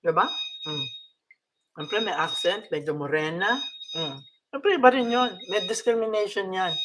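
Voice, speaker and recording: A woman's voice: mid-range voice, measured pace, noisy background. An older woman with a Filipino accent, chatting casually to her viewers at home, laughing often and mixing in English. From Philippines. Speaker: vlogger.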